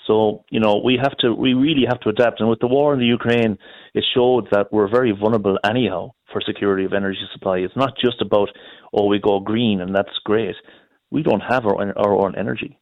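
A middle-aged man with a Galway, west of Ireland accent speaks in a fairly low voice. He is colloquial and emphatic as a phone-in caller, and the call sounds dry and a little dull. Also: dry recording. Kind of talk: informal opinionated talk.

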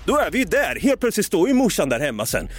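A man co-hosting a casual podcast, spinning a funny anecdote out loud. His pitch swings up and down with lots of life as he builds the story. He talks loosely and swears freely. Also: slightly rough. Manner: animated, swearing, acts out voices in his anecdotes. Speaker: podcast co-host.

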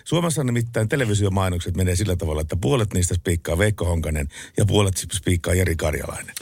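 Gravelly animated male radio host. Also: sits low, no room sound. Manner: animated storyteller, acts out phone calls loudly. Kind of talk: casual late-night radio chat. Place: radio studio. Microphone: studio microphone.

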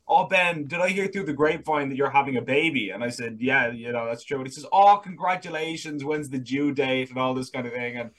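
A man's voice: mid-range voice, fairly quick, hardly any pauses, a bit bright, low-quality recording. Earnest young Dublin man as guest. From Ireland. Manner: earnest, candid, with frequent restarts. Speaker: guest, political correspondent. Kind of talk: casual interview.

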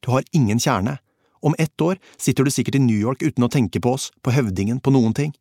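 A man's voice: mid-range voice, dark tone, no room sound, studio quality, voice pushed up, natural voice. A male audiobook reader voicing a bitter young soldier who speaks bluntly, accuses and swears. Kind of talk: audiobook character voice.

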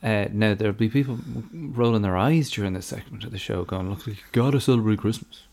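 A man's voice: on the low side, fairly quick, a little mellow. An Irish man chatting casually as a podcast host. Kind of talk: casual chat.

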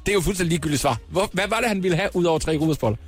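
A man's voice: high voice, slightly rough, faint music behind. A man running a quiz on a radio show, teasing the players and laughing often. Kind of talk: joking radio banter.

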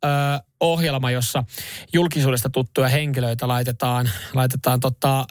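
A man's voice: medium pitch, little pitch movement, no room sound, studio quality. A man hosting a casual chat show, rambling and laughing easily as he tells stories. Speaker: radio show host.

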